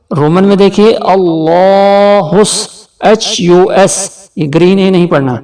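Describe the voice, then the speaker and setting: Man, Pakistani Urdu accent, tajweed teacher, higher voice, mic at a distance, explains then recites slowly. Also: a little mellow. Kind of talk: tajweed lesson with slow recitation.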